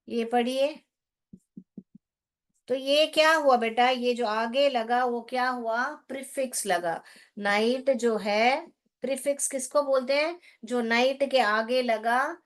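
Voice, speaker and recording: Patient female teacher, slow deliberate delivery, slightly high pitch, drills words by repetition. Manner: patient, explains slowly and repeats words for drilling; mixes English words into instruction. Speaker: English teacher. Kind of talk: classroom phonics lesson.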